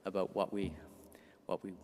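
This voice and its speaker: A man hosting an event, giving a halting introduction to the next speaker with many hesitations. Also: deep voice, little pitch movement, creaky, darkish tone, a little hiss or hum. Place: cathedral. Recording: long hall reverb in a cathedral.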